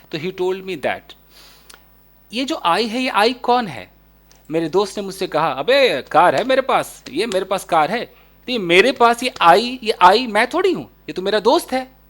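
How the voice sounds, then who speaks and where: A man teaching English grammar in a casual explaining style, reading example sentences slowly and deliberately. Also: high voice, fairly bright tone. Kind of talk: spoken English lesson in Hindi.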